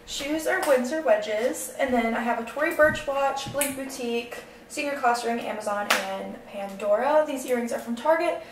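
A woman's voice: on the high side, normal speed, few pauses, recorded from a distance. A woman in her early twenties chatting casually to a vlog camera in a bubbly sorority-girl manner. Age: early 20s. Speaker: college sorority member vlogging. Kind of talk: casual get-ready-with-me vlog chat. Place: small echoey rooms in an apartment and house. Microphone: handheld or propped vlog camera. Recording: roomy echo, faint background noise.

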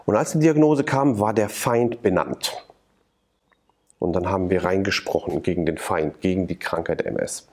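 A man's voice: low-pitched, moderate pace, a little mellow. A man telling his faith testimony in an interview, earnest and preaching, with many repeated phrases. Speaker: interview guest.

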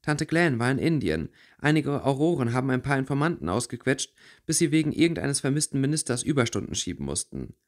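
A man's voice: medium pitch, big pitch swings, a little fast, few pauses, natural voice. A man voicing a worried, caring teenage schoolgirl in a read-aloud fantasy fanfiction audiobook. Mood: worried chatter. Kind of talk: audiobook character voice.

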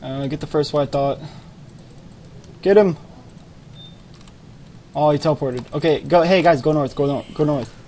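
A young man with a somewhat high voice commentates a game live, snapping short commands and repeating them. He speaks into a headset mic at his computer. Faint typing clatters behind him. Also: unhurried, long pauses, dark tone, slight background noise. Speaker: clan leader giving orders.

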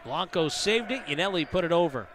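Brief: high-pitched male play-by-play caller, brisk, noisy arena feed with gym sounds behind. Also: animated. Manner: brisk, rises to shouts on big plays. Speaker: play-by-play commentator. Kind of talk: live volleyball commentary. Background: gym ambience and ball bounces.

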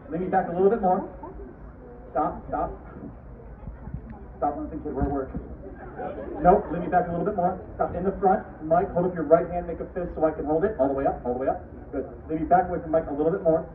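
A man performing comedic live stage patter, projecting cheeky banter to volunteers and audience at an outdoor show. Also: high-pitched. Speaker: street performer, unicycle stunt comedian. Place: outdoor wooden stage in woods at a fair. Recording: distant, tinny, echoey crowd phone video. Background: noisy outdoor audience.

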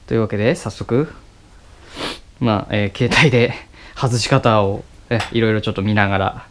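Wearing a head-mounted action camera, a young motovlogger works on his motorcycle in a cluttered garage and gives casual how-to commentary. His speech is halting and full of fillers, he mutters to himself mid-task, and his voice is on the low side.

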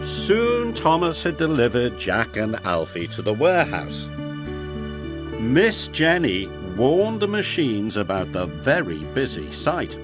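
Slow, lively male storybook narrator. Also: medium pitch. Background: music.

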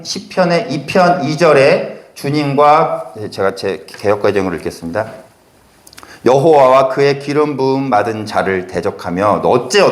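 Animated preaching man in an echoey room. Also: mid-range voice. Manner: animated preaching, acts out voices in quotes, addresses congregation directly. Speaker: pastor. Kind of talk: sermon.

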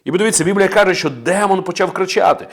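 A man delivers a sermon as pastor, his voice sitting a little high. He speaks emphatically and declares each point. He punctuates his lines with amens and praises. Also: fast, creaky.

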